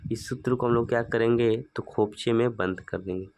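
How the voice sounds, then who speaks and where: A man teaching a maths lesson, slowly working through a problem step by step and asking himself rhetorical questions. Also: medium pitch, fairly even intonation, darkish tone. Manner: asks rhetorical questions and answers them; slow, stepwise working-through.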